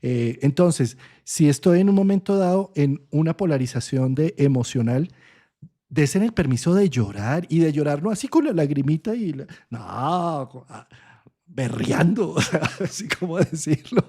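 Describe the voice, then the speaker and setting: Mellow-voiced man explaining with frequent checks. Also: on the high side, moderate pace. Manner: frequent "¿sí?" checks, thoughtful and expressive. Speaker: astrologer. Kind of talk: conversational explanation in an online talk.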